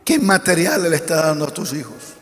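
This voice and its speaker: A man preaching a sermon as pastor, driving his points with repeated lists, rhetorical questions and shouted emphasis. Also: fairly high pitch, sing-song, fairly quick, long reverb tail, a little hiss or hum.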